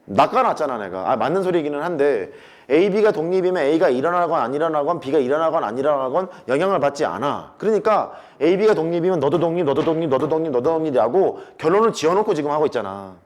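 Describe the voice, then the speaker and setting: Male math lecturer, slightly high voice, lively swings in pitch, casual and repetitive with students. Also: fast talker. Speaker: math teacher.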